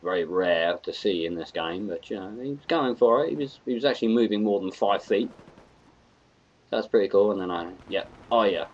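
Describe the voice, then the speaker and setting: A man's voice: lowish voice, fairly quick, darkish tone, lo-fi sound. A young British man giving casual, rambling commentary over his own gameplay, sarcastic about players who camp. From United Kingdom. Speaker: gaming commentator. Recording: game gunfire underneath.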